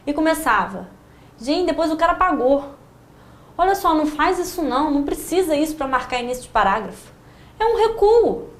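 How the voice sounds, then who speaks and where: A Brazilian woman with a high voice lectures to a class in a lively way. She keeps acting out students' worried questions in little put-on voices. The sound bounces around a roomy classroom. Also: brisk. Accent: Brazilian Portuguese. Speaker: writing teacher.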